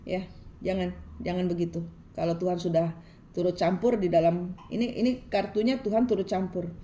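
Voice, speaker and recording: A woman's voice: lowish voice, steady tone, normal speed, warm tone, a little hiss or hum. A woman tarot reader, giving a preachy, scolding reading full of repetition.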